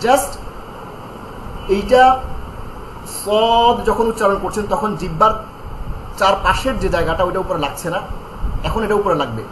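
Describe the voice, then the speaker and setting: A man teaching Quran pronunciation in an online lesson, drilling each letter sound slowly and repeating it, with calm step-by-step instructions on tongue placement. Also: high voice, reverberant, slight background noise, poor audio.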